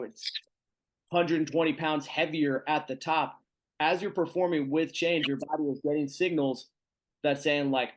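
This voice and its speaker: A man as strength coach giving a virtual seminar lecture, talking casually through slides with fillers, over a video call. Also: a little high.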